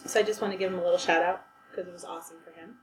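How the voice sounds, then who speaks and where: A woman's voice: fairly low pitch, fairly even intonation, very fast. A woman co-hosting a podcast in casual chat, prompting with questions and short affirmations. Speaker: podcast co-host. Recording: roomy echo, faint background noise.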